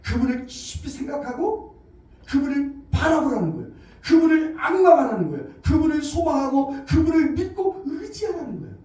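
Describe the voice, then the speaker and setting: A woman's voice: high voice, big pitch swings, fairly quick, warm tone. A woman pastor preaching a sermon, posing rhetorical questions and answering them herself and repeating her phrases. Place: small church hall. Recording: very echoey church from a distance.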